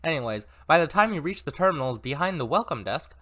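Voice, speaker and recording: A man's voice: a little high, big pitch swings, quick pace, fairly bright tone. A man reading an interactive novel aloud, chatting and correcting himself with amused asides. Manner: chatty, self-correcting, laughs at own mistakes. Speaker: story reader and commentator.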